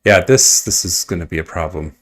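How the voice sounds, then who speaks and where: A man's voice: low-pitched, a little fast. A man streaming himself playing a game, chatting casually and rambling, mocking himself and muttering asides as he plays at his computer. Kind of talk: casual gameplay commentary.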